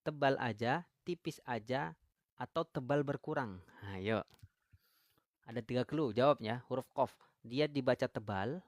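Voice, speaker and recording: A man with an Indonesian accent teaches Quran recitation on a live stream, at an ordinary middle pitch. He quizzes his viewers and reads their comments aloud. The sound is dry and close, with no room echo. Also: measured pace, pauses often. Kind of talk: live-stream tajwid lesson.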